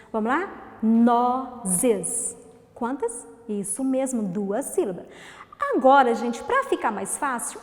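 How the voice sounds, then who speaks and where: A woman with a Brazilian Portuguese accent teaching young children in a recorded video lesson. She speaks slowly and clearly, stretches out syllables, and asks the class questions that she then answers herself. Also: high voice, in a large hall. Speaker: primary school teacher.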